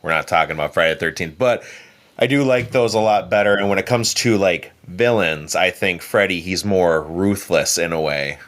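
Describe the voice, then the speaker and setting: Deep-voiced man, halting podcast guest. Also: a bit bright. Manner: halting, repeats words. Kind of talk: casual podcast chat.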